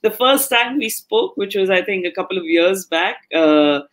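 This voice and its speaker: A woman's voice: mid-range voice, animated, moderate pace. A woman hosting an online interview forum, gushing and effusive with her guest. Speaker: forum host.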